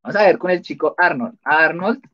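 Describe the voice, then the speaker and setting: A man's voice: a little high, fairly quick. A man hosting a casual spelling quiz on a live stream, chatty and laughing often as he reads out answers. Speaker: spelling quiz livestream host. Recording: dull lo-fi sound.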